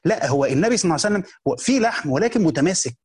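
A man's voice: on the high side, expressive, rapid-fire, a little mellow, slightly rough. A man with an Egyptian accent explaining a classical text in a colloquial lesson, repeating key phrases and restarting words as he goes. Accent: Egyptian Arabic. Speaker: teacher of a hadith book.

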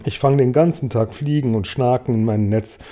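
A man's voice: medium pitch, normal speed, mellow, close to an everyday voice. A man voicing a sad, tidy female spider who sighs over being unloved, in an audiobook reading. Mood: mournful. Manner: sighing and mournful.

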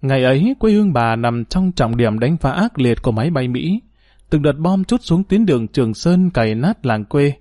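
A man reading a serialized story aloud in a calm, measured, formal storytelling manner as the program's host. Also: medium pitch, no room sound, clean studio sound. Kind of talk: scripted story narration.

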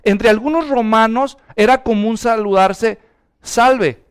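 A man preaching an animated sermon and calling on the congregation to answer aloud. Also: sits high, takes it slowly, clean tone. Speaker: pastor.

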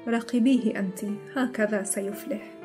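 A woman voicing a quiet old general. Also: steady tone, music in the background, natural voice. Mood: quiet, reminiscing. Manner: quiet, measured, low-voiced. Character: elderly male general, calm, brooding, exacting.

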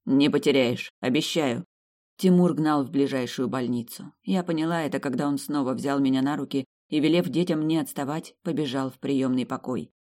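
A woman's voice: a bass voice, a little fast, few pauses, warm tone. Woman narrating a first-person story.

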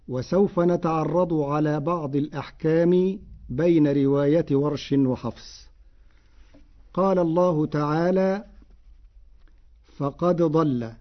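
A man with a fairly high voice gives a formal, measured lesson on recitation, stretching out each quoted word in a slow chant. The sound is dull and lo-fi, like an old radio broadcast. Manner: measured and formal, intoning quoted words slowly. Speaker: Quran recitation scholar.

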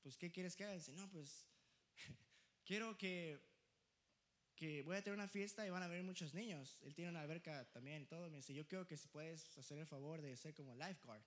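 A young man preaching, telling a personal story in a lively, joking way, often laughing and slipping into English phrases. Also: on the high side, moderate pace. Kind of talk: storytelling sermon.

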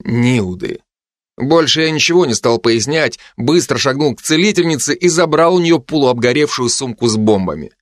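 A man narrating a first-person fantasy audiobook, his voice mid-pitched and steady. He reads in clipped phrases, and the recording is close and dry with no room sound. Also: normal speed, no echo.

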